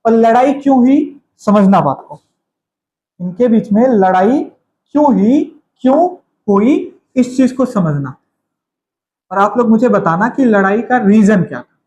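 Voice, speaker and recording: A man's voice: high voice, animated, unhurried, darkish tone, highs cut off, a little hiss or hum. A man teaching a grammar lesson, calling his students kids, repeating each point and quizzing them. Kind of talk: classroom lecture. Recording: echoey room.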